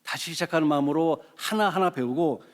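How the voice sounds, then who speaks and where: Older pastor preaching in echoing church. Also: male voice, a little high, brisk. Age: 60s. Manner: earnest storytelling with rhetorical questions. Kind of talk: sermon. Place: church sanctuary.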